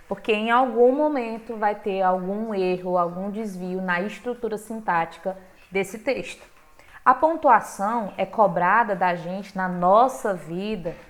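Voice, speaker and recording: Chatty Brazilian woman teaching grammar. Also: a bit bright. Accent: Brazilian Portuguese. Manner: conversational, checking in with frequent "right?" tags; emphatic, with sudden lifts in pitch and volume. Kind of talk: online grammar lesson.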